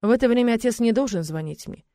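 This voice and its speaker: Fields: Sex: woman. Role: audiobook narrator. Tone: mellow. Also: on the high side, lively intonation, fast talker, dry recording, studio quality. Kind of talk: scripted first-person narration.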